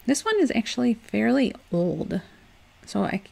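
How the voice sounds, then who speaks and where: This DIY home decor vlogger, a young woman, narrates a home craft tutorial in a casual, upbeat way. Her voice is on the high side, expressive, and a little slow, with vocal fry, and she lets out soft laughs and restarts loosely as she chats.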